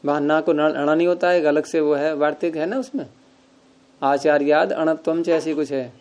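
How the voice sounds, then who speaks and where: A man's voice: fairly high pitch, a little fast, darkish tone. A man teaching Sanskrit grammar in an informal class, explaining patiently with everyday examples.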